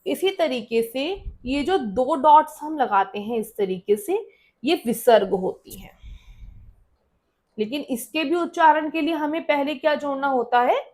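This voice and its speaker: A woman's voice: high-pitched, measured pace, darkish tone. A woman teacher explaining a school lesson, often asking students a question and then answering it herself.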